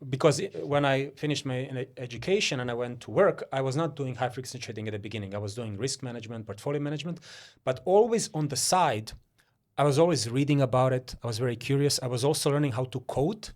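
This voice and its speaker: A man's voice: mid-range voice, fast talker, a little mellow. A Croatian-born man with a mid-range voice talks as a guest in an interview. His speech is chatty and loose, full of fillers and restarts. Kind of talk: casual interview talk.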